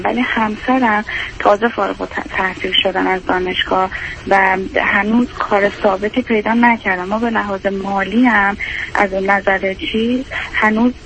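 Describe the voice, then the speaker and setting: A woman's voice: medium pitch, fairly bright tone. Hesitant woman caller on a phone line. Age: 30s. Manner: hesitant, many fillers, self-doubting. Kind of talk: call-in question. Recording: dull phone line with faint hiss.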